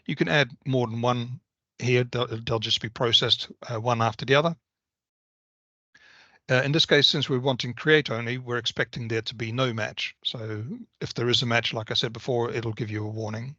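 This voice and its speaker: A bright-toned man on a video call. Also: medium pitch, fairly even intonation, moderate pace, dry recording. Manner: methodical, explanatory. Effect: video call audio. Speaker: software presenter. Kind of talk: technical product walkthrough. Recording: slightly dull video call audio.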